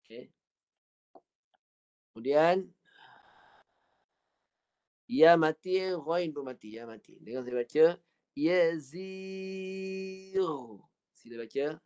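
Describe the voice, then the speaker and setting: A man's voice: on the high side, slow, long pauses, a little mellow. A man with a Malaysian accent teaching Quran recitation, modelling each word and asking the class to repeat it. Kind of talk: slow recitation lesson. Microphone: online class recording. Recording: dull lo-fi online class audio.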